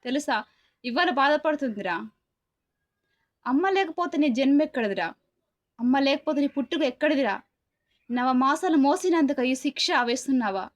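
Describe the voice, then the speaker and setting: High-voiced woman in a scolding rant. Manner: scolding, preachy, repetitive rhetorical questions. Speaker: commentator. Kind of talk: angry moral rant to camera. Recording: dull lo-fi sound.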